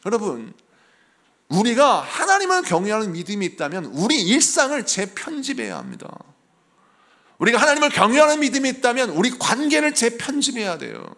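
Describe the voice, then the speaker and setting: A middle-aged male pastor preaching a sermon, acting out dialogue in different voices and swinging from hushed to loud. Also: high-pitched, vocal fry. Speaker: senior pastor.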